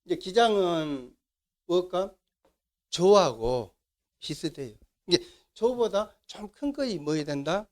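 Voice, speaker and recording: A man's voice: high-pitched, animated, slow, darkish tone. A middle-aged man with a Jeolla Korean accent, giving a classroom lecture as an instructor and answering his own questions to the class. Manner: asks the class questions and answers them himself.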